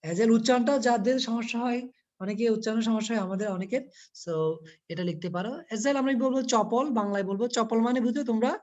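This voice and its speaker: A woman's voice: on the high side, quick pace, a little mellow. Lady teacher going over a poem word by word, keeps quizzing the class, kinda muffled lo-fi audio. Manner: explains word by word, asks the class questions. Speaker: English teacher. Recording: dull lo-fi recording.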